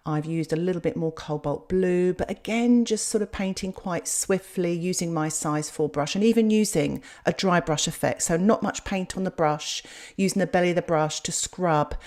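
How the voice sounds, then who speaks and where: A woman talks through a painting lesson in a calm, step-by-step way. Her voice sits fairly low for a woman. The delivery is steady, gentle and instructive. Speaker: watercolour art teacher. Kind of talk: narrated painting tutorial.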